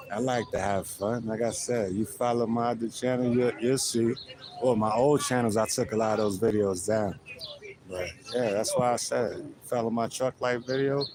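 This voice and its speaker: A middle-aged man from the Bronx, New York, speaks in a medium-pitched voice with a New York accent during a live street vlog. Out on a hot city street, he chats loosely and reads viewer comments aloud, recording on his phone camera, and the audio quality is poor.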